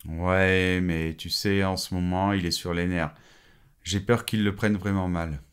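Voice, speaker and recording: A man's voice: sits low, steady tone, measured pace, clean tone. A man playing an anxious young father pleading with a coworker in a scripted French lesson dialogue. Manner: pleading, apologetic.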